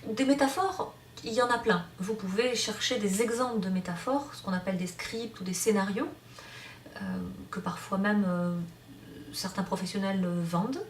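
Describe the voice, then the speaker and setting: A woman's voice: medium pitch, moderate pace, distant mic, a little hiss or hum. A woman teaching a hypnosis course, explaining off the cuff with many fillers and restarts. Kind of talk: online lecture. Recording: roomy sound from off-mic.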